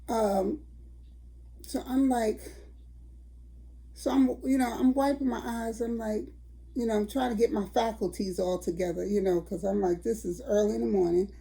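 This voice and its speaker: An older woman vlogger tells her viewers a story in a chatty way, calling them "y'all." Her medium-pitched voice is mellow yet raspy, and the audio quality is poor.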